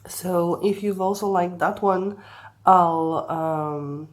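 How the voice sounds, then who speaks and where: A woman's voice: on the low side, takes it slowly. A young woman with a congested, stuffy voice, chatting casually in a craft vlog, hesitant and apologetic with many fillers. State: congested from the flu. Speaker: craft vlogger.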